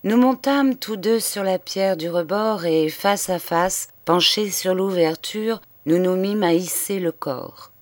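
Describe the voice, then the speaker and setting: A woman narrates a literary story as an audiobook. Her voice sits low and moves slowly, with grave, measured phrasing. The recording is dry and close. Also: no room sound. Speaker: audiobook reader.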